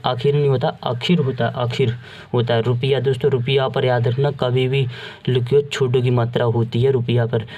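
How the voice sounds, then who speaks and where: A man's voice: mid-range voice, a little mellow. Hindi spelling teacher, man, repetitive. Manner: repetitive, asks and answers his own questions; calls listeners friends. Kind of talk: spelling lesson.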